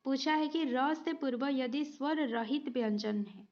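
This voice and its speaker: A woman teaching a grammar lesson at a slow, unhurried pace, her voice sitting a little high. She goes through quiz questions patiently, explains each step and checks in with the students. The sound is dull and a bit lo-fi. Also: darkish tone. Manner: patient, explains step by step, often adds a short "okay" check. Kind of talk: exam-prep lesson going through multiple-choice questions.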